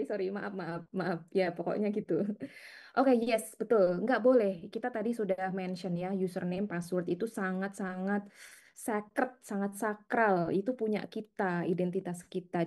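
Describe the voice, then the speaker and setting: A middle-aged woman lecturer teaching an interactive class, lively and chatty, coaxing students to answer and laughing often. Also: mid-range voice.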